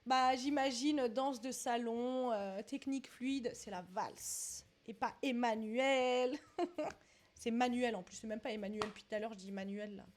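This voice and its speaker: A woman's voice: a little high, fairly even intonation, moderate pace, a little mellow. Chatty young woman thinking aloud. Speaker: vlogger doing a dance quiz. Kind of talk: casual quiz commentary.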